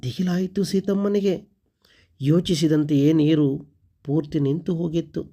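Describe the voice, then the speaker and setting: A man reading a short story aloud as narrator and teacher, steady and expressive. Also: on the high side, normal speed.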